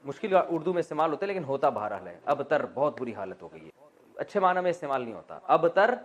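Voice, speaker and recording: A man's voice: medium pitch, sing-song. A man, an Islamic scholar, explains the Quran in a teaching style. He asks questions and answers them himself, with light joking asides. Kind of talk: explanatory religious lesson. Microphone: recording while writing on a board.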